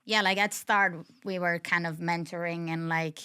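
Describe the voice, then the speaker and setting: Speaking at a moderate pace, the young woman from Finland has a fairly low, clear, resonant voice. She's a snowboarder guesting on a podcast, talking casually and leaning heavily on fillers, especially "like."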